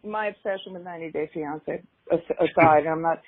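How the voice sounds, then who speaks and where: A woman's voice: deep voice, fairly quick, slightly rough, no echo. A woman co-host talks in loose, rambling chat, with wry asides about herself. Her voice comes through a thin, phone-like line. The sound is dry, with no room around it. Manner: chatty, rambling, self-mocking asides. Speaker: podcast co-host. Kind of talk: casual chat.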